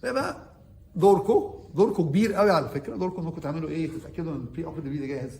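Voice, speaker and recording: A man's voice: on the high side, lively intonation, very fast, gravelly, darkish tone, roomy sound. A man with an Egyptian Arabic accent, a surgeon giving an orientation lecture to medical interns. He quizzes the class and switches between Arabic and English medical terms.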